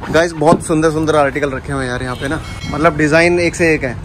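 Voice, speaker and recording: A man's voice: on the high side, fairly even intonation, fast. A young man vlogging from a furniture showroom, casually chatting with the staff and repeating prices back. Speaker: vlogger touring a furniture shop. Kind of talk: casual chat with shop staff. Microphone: handheld camera. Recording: noisy showroom audio.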